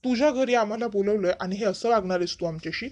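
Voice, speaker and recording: A woman's voice: mid-range voice, fast talker, darkish tone, close to an everyday voice. A woman voicing an agitated young fiancé who scolds a rival. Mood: scolding.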